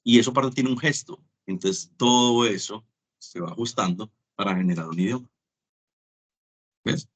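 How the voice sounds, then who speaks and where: A man's voice: lowish voice, moderate pace, long pauses, fairly bright tone. A man giving an online teaching lecture, chatty and acting out small dialogues as examples. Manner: chatty, acts out little dialogues. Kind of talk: web conference lecture.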